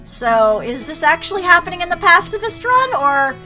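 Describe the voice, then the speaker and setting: A woman with a very high-pitched, very animated, sharp voice speaks at normal speed over faint background music. She hosts a let's play, chatting playfully, reacting aloud and reading the game's text as part of her commentary.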